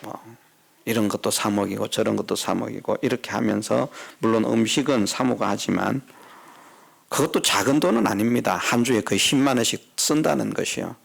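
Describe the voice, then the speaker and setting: A man's voice: on the low side, a little fast, gravelly, slightly rough. A middle-aged man preaching a sermon as pastor in a church, talking conversationally and putting questions to the congregation. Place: church sanctuary.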